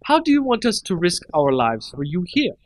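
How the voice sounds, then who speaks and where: A man's voice: high-pitched, huge pitch swings, normal speed, pitched above the performer's own voice. A man voicing an angry female elf warrior who speaks harshly and accusingly in a read-aloud fantasy story.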